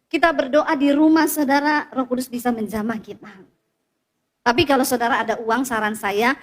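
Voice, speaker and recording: Woman, pastor, high-pitched, lively sermon storytelling. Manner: lively storytelling with congregation prompts.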